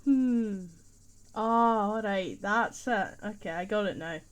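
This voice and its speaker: A woman's voice: medium pitch, slow. A young woman with a thick Scottish accent, chatting playfully and loosely as a teacher in a spoken role-play. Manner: chatty, playful and rambling, heavy dialect.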